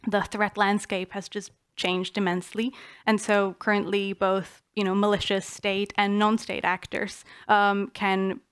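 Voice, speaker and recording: A young woman from the Czech Republic presents her proposal on a panel, earnest and full of small restarts. Her voice is smooth and clear, with a fairly flat melody. The sound is close and dry. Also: mid-range voice, a little slow, no room sound. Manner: earnest, many fillers and restarts. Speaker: student panelist.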